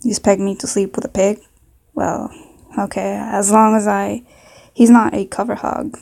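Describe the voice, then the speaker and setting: A woman's voice: mid-range voice, little pitch movement, normal speed, vocal fry, darkish tone. A woman playing an indignant, pushy customer with a put-on Southern drawl in a comedy scene read-through. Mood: grudging. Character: indignant, pushy adult pet hotel customer.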